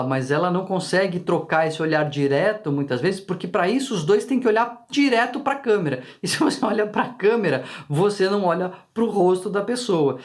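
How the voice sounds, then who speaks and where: Higher-voiced Brazilian man explaining to camera. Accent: Brazilian Portuguese. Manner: conversational, frequent tag questions to the viewer; talks directly to the viewer. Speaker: channel host.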